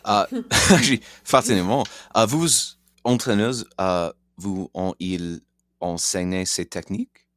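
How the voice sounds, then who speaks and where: A man, a podcast host conducting an interview in halting, French. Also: low-pitched, fairly bright tone, no room sound. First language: English. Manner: halting, non-native French with a foreign accent.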